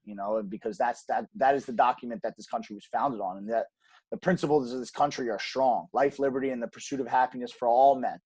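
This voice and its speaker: Earnest male guest, mid-pitch, emphatic and repetitive, dry close recording. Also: quick pace, darkish tone, slightly rough, dry recording. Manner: earnest, emphatic, frequent restarts and ums. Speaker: podcast guest, gym co-owner. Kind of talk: conversational interview.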